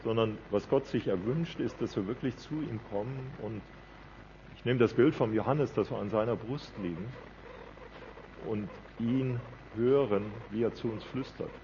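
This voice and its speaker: A man's voice: mid-range voice, normal speed, darkish tone, lo-fi sound, slight background noise. A man preaching a sermon in an earnest, conversational way, often checking in with a "ja?".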